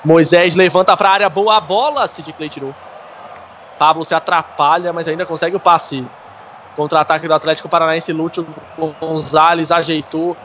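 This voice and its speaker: A man's voice: a little high, steady tone, moderate pace, a bit bright, a little hiss or hum. A man with a Brazilian Portuguese accent calling a football match live, play by play.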